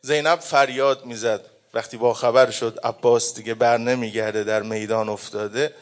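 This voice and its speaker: A man preaching a mourning sermon, chanting the lament slowly and drawn-out, swinging between hushed and loud. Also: medium pitch, fairly even intonation. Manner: slow, drawn-out delivery.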